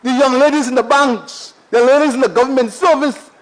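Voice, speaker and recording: A man's voice: extremely high pitch, a little fast, poor audio. A Saint Lucian man giving an impassioned, repetitive parliamentary speech, full of rhetorical questions, in a parliament chamber. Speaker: member of parliament.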